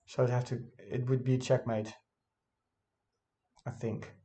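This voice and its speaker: A chess vlogger with a middle-pitched, warm voice reviews his own game in English, his second language. He thinks aloud casually with little pitch movement, often correcting himself and using fillers, and the audio's highs are cut off.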